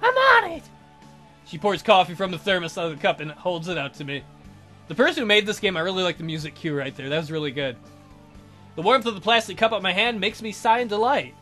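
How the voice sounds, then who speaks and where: A man hosts a let's play, reading a visual novel aloud and tossing in crude, irreverent side comments over the game music. His voice is high, bright and forceful, and he talks quickly.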